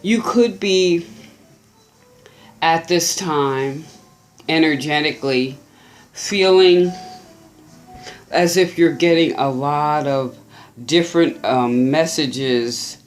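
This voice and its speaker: A tarot reader giving a gentle, unhurried birthday reading to viewers, musing aloud and restarting phrases. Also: medium pitch, faint music behind.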